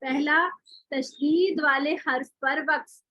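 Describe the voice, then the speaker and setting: A woman's voice: high-pitched, fairly even intonation, slow, no echo, dull audio. A woman teaching Quran recitation in an online class, explaining rules step by step with rhetorical questions and spoken examples.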